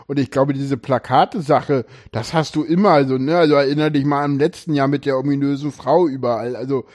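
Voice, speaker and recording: A man's voice: mid-range voice, steady tone, a little fast, darkish tone. A man hosting a casual group podcast chat, telling stories with many restarts and fillers. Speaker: podcast host.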